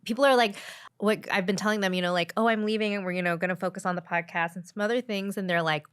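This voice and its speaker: A woman's voice: medium pitch, fairly even intonation, fast talker, clear, resonant tone. Giggly woman podcast co-host. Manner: giggly, warm, grateful. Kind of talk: casual chat.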